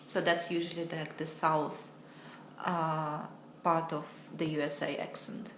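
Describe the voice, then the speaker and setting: A woman's voice: low voice, flat delivery, a little slow, a little hiss or hum. A young American woman teaching English on a casual livestream, chatty and hesitant, often laughing at herself, talking from home into a phone. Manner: chatty, hesitant, self-deprecating. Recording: roomy echo.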